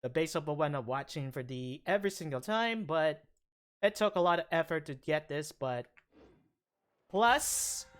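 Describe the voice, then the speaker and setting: A man streaming his game rolls in casual commentary, halting and rambling between excited bursts, with a morning voice. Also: on the high side, clean tone. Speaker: gaming streamer. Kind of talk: casual gacha-roll commentary.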